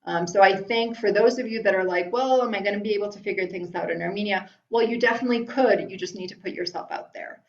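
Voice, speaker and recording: Talking fast with hardly a pause, this medium-pitched middle-aged woman from Iran fields viewer questions in a casual live webinar at home, full of ums and false starts. It's captured over a video call that comes across roomy, dull and lo-fi.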